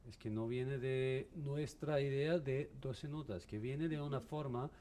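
Halting man teaching a violin masterclass. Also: medium pitch, mellow, a little hiss or hum. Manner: halting, mixes in English words, asks the class questions.

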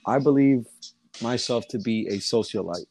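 A man's voice: medium pitch, moderate pace, darkish tone, faint music behind. A man talking in a casual podcast chat, rambling with lots of fillers, restarts and swearing. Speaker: guest rapper.

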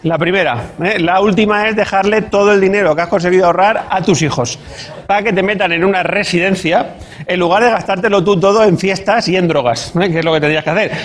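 High-pitched comic man, punchy. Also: quick pace. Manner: punchy, mocking, acts out quoted voices. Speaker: stand-up comedian. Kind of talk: stand-up monologue.

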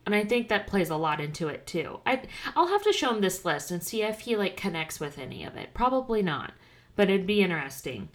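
A woman's voice: medium pitch, sing-song, fairly quick. A woman in her thirties chats casually as a co-host. She rambles a little, full of fillers, and pokes fun at herself. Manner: chatty, filler-heavy, self-deprecating. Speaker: podcast co-host. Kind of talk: casual chat.

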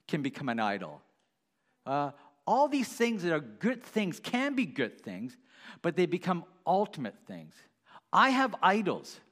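Lively conversational male preacher. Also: a little high. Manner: conversational, asks the congregation questions, halting restarts. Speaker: pastor. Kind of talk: sermon.

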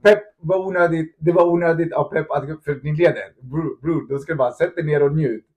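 A man talking as a podcast co-host and football coach in casual chat, acting out quotes and tossing in English phrases. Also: a little high. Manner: animated, acts out quotes, mixes in English phrases; asks "förstår du?" often.

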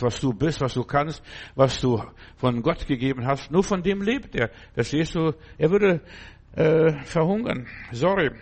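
An older man preaching an informal sermon, speaking straight to the listener as "du" in a blunt, folksy way and often checking "verstehst du?". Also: a little high. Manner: folksy, blunt, rambling with restarts.

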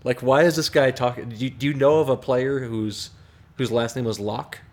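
Male podcast host, casual, halting delivery over a video call. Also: mid-range voice, fairly even intonation. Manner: halting, many restarts, chuckling.

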